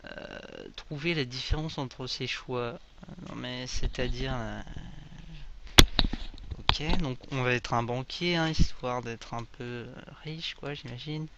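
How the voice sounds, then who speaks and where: Speaking slowly in a mid-range voice, a young gaming video creator jokes his way through a casual let's play, reading the game's English on-screen text out loud. The audio has its highs cut off and is very noisy.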